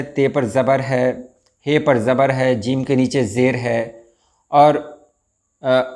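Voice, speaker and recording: A man teaching Urdu pronunciation, saying each word and then patiently spelling out its vowel marks. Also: mid-range voice. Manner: measured, stresses each word before spelling out its diacritics. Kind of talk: slow explanatory lesson.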